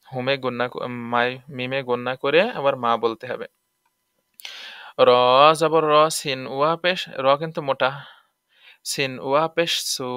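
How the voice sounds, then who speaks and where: A man's voice: medium pitch, fairly bright tone, smooth, no echo, studio quality. A man teaching tajweed. He spells words out letter by letter, stretches the vowels when he recites, and keeps asking the listener questions.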